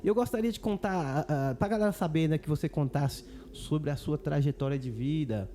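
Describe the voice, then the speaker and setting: A man's voice: fairly high pitch, a little fast, mellow, a little hiss or hum. A man hosting a podcast, talking in a loose, chatty, slangy way. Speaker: podcast host and voice-over artist.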